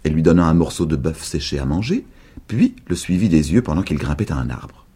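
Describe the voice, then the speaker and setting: A man reading a story aloud for radio in a measured, dramatic way. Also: very deep voice, expressive, mellow, slightly rough. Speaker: narrator.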